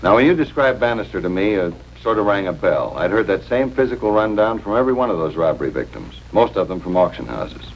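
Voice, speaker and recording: Brisk, low-voiced 1950s TV cop; quick and matter-of-fact, with a dull, hissy old broadcast sound. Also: male voice, expressive. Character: confident middle-aged male police detective. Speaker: police detective. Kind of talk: 1950s TV drama acting.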